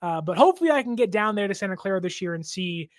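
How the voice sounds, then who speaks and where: A man's voice: high-pitched, animated, fast, dry recording, studio quality. A young man hosting a sports podcast in casual chat, talking loosely with lots of fillers and laughs. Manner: chatty, laughing, filler-heavy. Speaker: podcast host.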